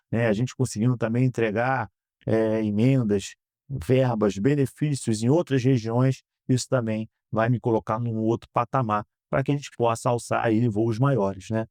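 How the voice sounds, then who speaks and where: A Brazilian man in his thirties answering interview questions in an earnest, measured way, often ending phrases with a questioning tag. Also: on the low side, a little mellow, dry recording, clean studio sound. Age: 30s. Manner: earnest, measured, frequent "né?" tags. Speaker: guest, politician. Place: podcast studio.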